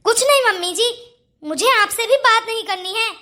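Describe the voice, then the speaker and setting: A woman voicing a proud, quick-tempered young wife in a cartoon story. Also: very high voice, expressive, full character voice. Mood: angry. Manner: sharp, indignant retorts. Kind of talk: cartoon voice acting.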